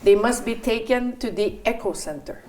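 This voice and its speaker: Woman, 40s, French Canadian accent, slightly high pitch, radio co-host, chatty community announcements. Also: moderate pace, darkish tone, slight background noise. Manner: reads community notices with small stumbles and chatty asides.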